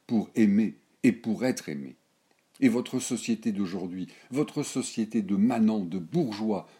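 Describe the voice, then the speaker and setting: A proud old noblewoman in a storybook, lecturing with scorn and worldly certainty, as a man reads her in his own low, dark voice. Her speech is declamatory and slow-built. The tone stays mellow and deep. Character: indignant aristocratic old grandmother, worldly and scornful.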